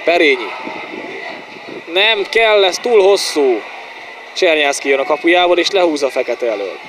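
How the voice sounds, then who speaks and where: A man giving excited, partisan live football commentary in short exclamations and repeated player names, as a home-side commentator. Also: fairly high pitch. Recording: noisy outdoor stadium sound.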